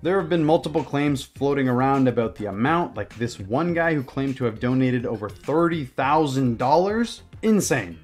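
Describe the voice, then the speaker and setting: A man's voice: medium pitch, expressive, normal speed, hardly any pauses, faint music behind. A man narrating a scripted video essay with dry, sarcastic commentary.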